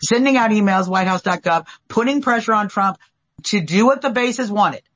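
A woman's voice: mid-range voice, animated, a little fast. A woman giving political commentary as an activist guest, speaking emphatically and in repeated lists. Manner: emphatic, repetitive listing. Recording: dull lo-fi call audio.

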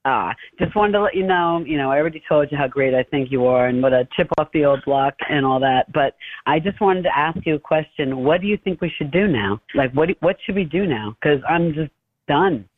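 A woman's voice: low voice, brisk, no echo. A woman chats casually as a radio call-in guest. Her voice comes through a narrow, dull phone connection with very little room sound. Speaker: phone-in caller.

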